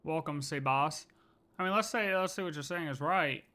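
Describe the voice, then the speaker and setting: With faint game music in the background, a man speaks at a moderate pace in a fairly high, sharp-toned voice. He's a game streamer musing and thinking aloud in casual live commentary on his playthrough.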